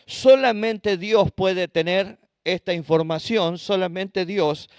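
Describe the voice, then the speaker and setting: A man's voice: high-pitched, takes it slowly, smooth, no echo, clean studio sound. A man with an Argentine accent leading a Bible study class in a church, asking the class questions and spelling out Hebrew words. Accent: Argentine Spanish. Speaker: Bible teacher.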